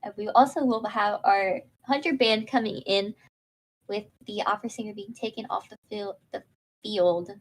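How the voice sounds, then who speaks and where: A woman co-casting a live esports match, announcing picks and bans and asking her partner questions in a relaxed way. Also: mid-range voice, normal speed, low-quality recording. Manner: easygoing, moderates and asks co-caster questions. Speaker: esports caster. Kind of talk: live tournament commentary.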